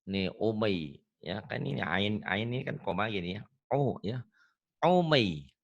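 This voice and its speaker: A man's voice: lowish voice, lively intonation, unhurried, gravelly, muffled recording. A man teaching Quran reading in an online lesson, patient and joking, repeating words for a student to copy. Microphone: video call.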